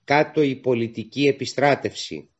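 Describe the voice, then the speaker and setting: A man's voice: medium pitch, natural voice. A man voicing an earnest young male resistance fighter who talks plainly and in a hurry, on a dull lo-fi recording.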